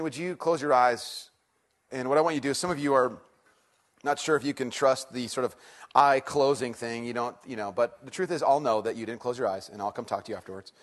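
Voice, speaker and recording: A middle-aged teaching pastor with a medium-pitched voice delivers a sermon to a church congregation. His style is conversational and self-deprecating, and he swings between loud excitement and hushed intensity.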